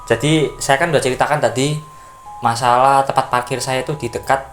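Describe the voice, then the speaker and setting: A man from Java, a podcast guest, casually telling a story in an animated way, acting out voices and sound effects. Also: medium pitch, brisk, a little hiss or hum. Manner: animated, acts out voices and sound effects, keeps addressing the listener.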